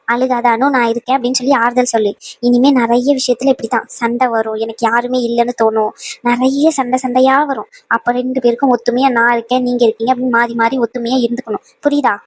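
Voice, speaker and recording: A woman's voice: fairly high pitch, flat delivery, quick pace, lightly acted. A woman voicing a wise old grandmother in a cartoon, scolding and advising by turns. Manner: scolding yet soothing, full of advice. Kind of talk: cartoon voice acting.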